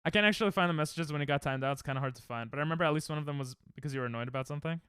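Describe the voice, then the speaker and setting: Rattling along rapid-fire, a gaming streamer jokes sarcastically with his viewers in casual live chat. His voice is fairly high, a touch bright, and clean in tone, recorded dry at studio quality.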